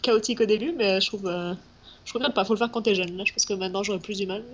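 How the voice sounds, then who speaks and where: A woman with a French accent from France speaks casually, as a guest in an interview. Her pitch is average for a woman. The recording is a bit dull, with faint noise behind her. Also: fairly even intonation, quick pace. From southwest France. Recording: muffled, faint background noise.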